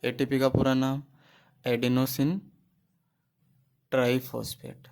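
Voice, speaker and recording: A man's voice: medium pitch, level tone, slow pace, darkish tone, smooth. A man teaching a biology class for exam preparation. He asks questions, answers them himself and repeats key terms. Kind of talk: exam-prep lecture.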